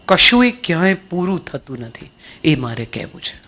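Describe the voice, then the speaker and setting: Before a live crowd, a motivational speaker delivers an energetic talk built on stories and rhetorical questions. She is middle-aged, has a Gujarati accent, and her low-pitched voice moves at a moderate pace.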